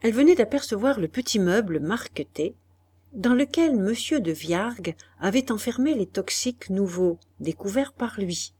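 A woman narrating a literary audiobook in a measured, calm storytelling voice. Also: mid-range voice, husky.

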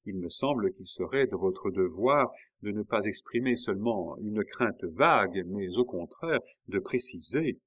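Guy playing a stubborn young count, earnest and pushy, lowish voice. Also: animated, unhurried, a bit bright, no echo. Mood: insistent. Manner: earnest, pressing, stammering when thrown. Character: proud young nobleman count, insistent.

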